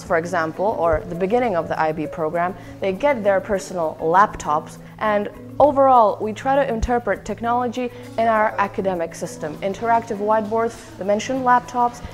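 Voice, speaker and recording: A woman's voice: mid-range voice, animated, moderate pace, few pauses, soft background music. A teenage girl from the Czech Republic, a student guiding a school tour in a chatty, lightly humorous way. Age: teens.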